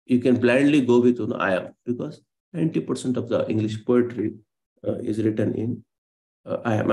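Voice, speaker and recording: A man teaches a live online class with a gravelly, mid-range voice. He explains patiently, pausing on fillers and correcting himself as he goes. The sound comes through a video call. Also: mid-range voice, a little mellow. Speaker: lecturer.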